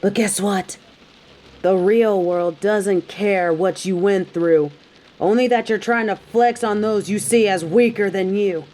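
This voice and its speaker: Rain falls behind a woman voicing a sassy, hard-edged female bounty hunter, sardonic and reluctantly welcoming, who scolds the listener directly with dry, taunting bluntness. She speaks at a medium pitch and measured pace in a mellow tone, acting only lightly, and the mood stays stern and scolding.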